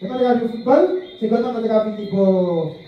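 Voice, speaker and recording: Speaking for a spiritual movement, a man from France gives a public talk on spiritual practice, posing questions to the audience and repeating key phrases. He has a high-pitched voice at normal speed, with the highs cut off. Recorded far from the mic in a very echoey room, the audio carries faint noise.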